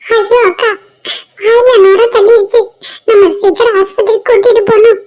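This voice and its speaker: Squeaky little village boy, panicky and begging, a woman doing the voice, cartoon. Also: fairly even intonation, normal speed, darkish tone. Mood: panicked. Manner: urgent, pleading. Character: young village boy, frantic messenger. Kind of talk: cartoon voice acting.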